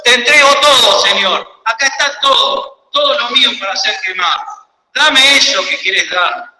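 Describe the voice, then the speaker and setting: A man with an Argentine Spanish accent preaching a sermon, swinging from loud cries to hushed pleading. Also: sits high. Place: church. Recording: echoey church hall with long reverb.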